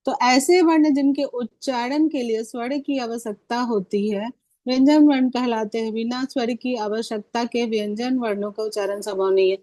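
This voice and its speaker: A woman's voice: on the high side, fairly even intonation, normal speed, warm tone, no room sound. A woman Hindi teacher leading an online class for other teachers, explaining patiently and often posing rhetorical questions.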